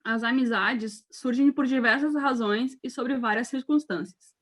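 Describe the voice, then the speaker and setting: A woman's voice: fairly high pitch, a little slow. A woman of thirty from Rio Grande do Sul, co-hosting a podcast with an upbeat delivery, chatting and reading scripted parts. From Rio Grande do Sul, Brazil. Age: 30s. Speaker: podcast co-host.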